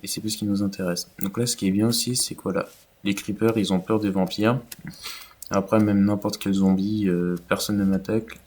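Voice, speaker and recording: A man's voice: lowish voice, flat delivery, brisk, darkish tone. A man giving casual, rambling commentary over his own video game play, with many fillers. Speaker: gaming YouTuber.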